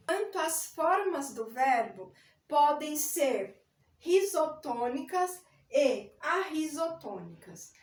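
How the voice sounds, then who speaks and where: A woman's voice: high-pitched, far from the mic. A woman teaching a recorded grammar lesson, patiently explaining step by step and spelling words out. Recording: echoey room, voice a bit off-mic.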